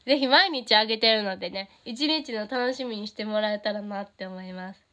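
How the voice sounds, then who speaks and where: This Japanese teen idol speaks with a Kansai accent, her mid-range voice brisk, bright and forceful, though the recording is muffled. Streaming to fans, she chats casually, reads out their comments and giggles a lot, clearly delighted and bubbly.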